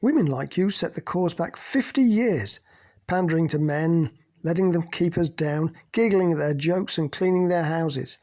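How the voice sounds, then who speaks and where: A man's voice: high-pitched, fairly quick, gravelly, few pauses, voice pushed up. A man voicing Ashanti, an accusing, militant woman, in an audiobook.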